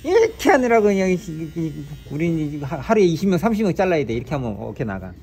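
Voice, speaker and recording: A barber instructor, a man, demonstrating in a classroom with a slightly higher voice. He keeps repeating short instructions and snaps corrections at students. Clear background noise runs under his voice. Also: expressive, fast, dark tone. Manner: repetitive, directive, scolds students sharply. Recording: noisy room recording.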